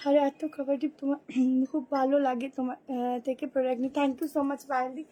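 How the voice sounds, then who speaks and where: A hoarse woman, a boutique seller who talks nonstop, showing clothes to viewers in a live sales video. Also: high voice, flat delivery, fast talker, mellow. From Kolkata, India. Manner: chatty, nonstop talker.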